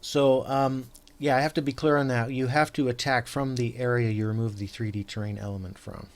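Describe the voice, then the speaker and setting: A man hosting a tabletop game session, patiently explaining the rules to his opponent in a halting, rambling way full of fillers and restarts. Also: mid-range voice, steady tone. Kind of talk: casual tabletop game chat.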